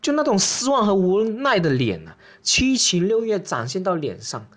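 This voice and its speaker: A man's voice: high voice, normal speed. A man hosting and performing an open-mic stand-up monologue, ranting in an exaggerated way and acting out little scenes. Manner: animated, exaggerated, rants and acts out scenes. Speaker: stand-up comedian and host.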